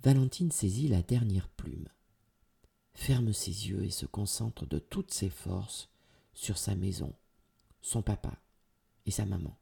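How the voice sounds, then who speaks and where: A man narrating a children's story with an expressive, dramatic delivery. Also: on the low side, takes it slowly, gravelly, pauses often, husky.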